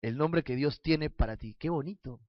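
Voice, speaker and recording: Male preacher, high-pitched, playful and questioning; dry, muffled recording. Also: normal speed, no echo. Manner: playful, acts out little scenes and asks the congregation questions. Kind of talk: sermon. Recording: dull lo-fi sound, dry.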